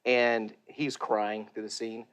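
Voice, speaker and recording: A man, a voice actor, talking in a casual interview in an animated way, often laughing. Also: fairly low pitch, slow pace, clean tone. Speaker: voice actor guest.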